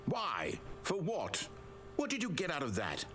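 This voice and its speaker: A man's voice: wildly swooping pitch, a little slow, pushed and bright, soft background music, exaggerated voice. An actor playing a controlling male video game narrator, proud of his story, with precise, theatrical delivery. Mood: distraught. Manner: precise, theatrical delivery with wild swings in pitch. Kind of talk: scripted video game voice acting.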